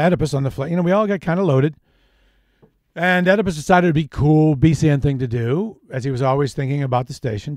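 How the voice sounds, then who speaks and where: A man's voice: a little high, dry recording. A man hosting a live radio show, chatty and reflective, speaking into a studio microphone. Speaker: radio DJ host.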